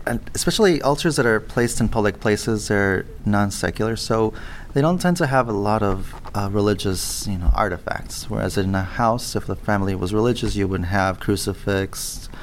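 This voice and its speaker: A man's voice: lowish voice, normal speed, a little hiss or hum. A man born in Mexico and raised in Los Angeles, a college English instructor, explaining things in an interview and often saying "you know". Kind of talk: radio interview guest.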